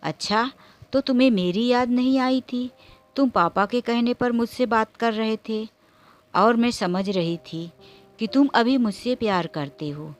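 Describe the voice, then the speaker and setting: A woman's voice: on the high side, unhurried, natural voice. Woman reading as a stubborn, angry young wife. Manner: indignant, sharp.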